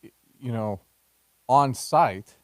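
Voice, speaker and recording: A man co-hosting a golf talk show, chatting in a relaxed, rambling way full of fillers. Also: mid-range voice, takes it slowly, no echo. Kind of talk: casual sports talk show chat.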